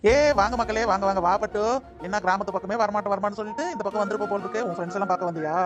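A woman's voice: medium pitch, fairly even intonation, rapid-fire, over music, voice pushed down, lightly acted. A woman voicing a hearty, welcoming old village grandfather in a cartoon. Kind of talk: cartoon voice acting.

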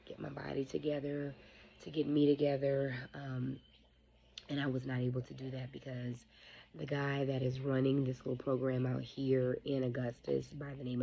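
Her voice is very deep and warm with vocal fry, though the highs are cut off and there's a little hiss or hum in the recording. This forties-aged vlogger sounds stuffy and sniffly, holding her phone close while chatting to camera. She speaks directly to viewers, bluntly and indignantly cautioning them about a company.

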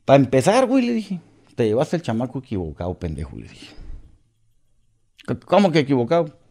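A man's voice: medium pitch, wildly swooping pitch, fairly quick, vocal fry, dark tone. A middle-aged man from Mexico with a Mexican accent, a podcast guest telling a story in casual, profane slang and acting out the other voices.

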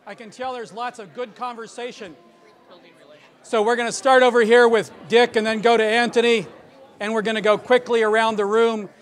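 A man's voice: extremely high pitch, moderate pace. A man moderating a fundraising meeting, talking energetically and with emphasis to a room. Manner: energetic, emphatic, acts out quoted donors. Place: large meeting room at a club.

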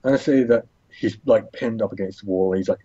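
A low-voiced man with a husky, mellow tone, narrating a tabletop game as game master. He talks in a relaxed way, pausing and thinking aloud. The sound is dry and dull, like a lo-fi recording. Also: no room sound.

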